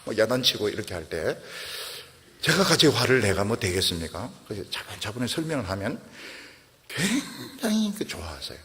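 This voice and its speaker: Middle-aged male pastor, very animated sermon delivery, acting out dialogue, long church-hall reverb. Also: fairly low pitch, moderate pace.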